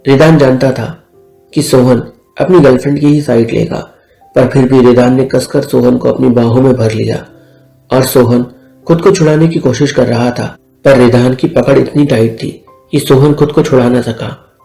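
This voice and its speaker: A man reading a scripted story aloud in a plain, steady way. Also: mid-range voice, normal speed, creaky. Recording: echoey room with faint music.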